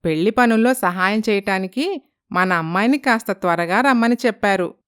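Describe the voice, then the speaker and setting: A woman's voice: medium pitch, normal speed, a bit bright, clear, resonant tone, dry recording, clean studio sound, close to an everyday voice. A woman voicing an anxious poor village mother who talks in a fretful, chatty way.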